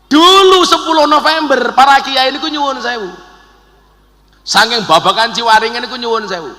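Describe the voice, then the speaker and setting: High-pitched, bright Javanese preacher in a hall. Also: male voice. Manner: jokey, switches between Indonesian and Javanese, chants verses slowly. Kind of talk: humorous religious sermon. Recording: long hall reverb.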